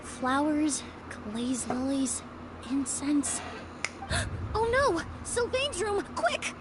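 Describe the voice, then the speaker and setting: Composed, thoughtful young woman sleuth for a game; lightly high voice over clear noise. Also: very animated, drawn-out words, full character voice. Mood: alarmed. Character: composed, analytical young woman investigator, polite and earnest. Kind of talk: video game voice acting.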